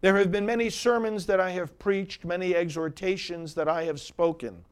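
A male priest with a somewhat high-pitched voice delivers scripture and sermon. He is solemn and earnest, declaiming each phrase deliberately as a preacher would. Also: steady tone, clean tone.

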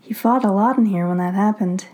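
A woman voicing a sinister male fox spirit in a calm, taunting manner, as whispered role-play in a read-aloud story. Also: medium pitch, fairly quick, close to an everyday voice. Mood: calm menace.

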